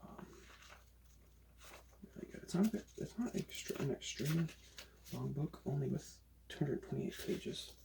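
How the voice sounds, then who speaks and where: A man doing a whispered role-play as a librarian recommending books, in a hushed, breathy library whisper. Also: mid-range voice, animated, normal speed, pauses often, noisy background.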